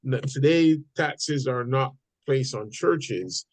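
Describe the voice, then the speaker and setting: A man leading a church Bible study group, talking in a halting way with many fillers and repeated words. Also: medium pitch, dry recording. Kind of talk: casual group discussion. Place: church meeting room.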